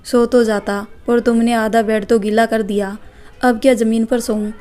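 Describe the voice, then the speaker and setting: A woman voicing a teasing, wisecracking young husband in a storybook, in an even, flat delivery. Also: fairly high pitch, moderate pace, lightly acted.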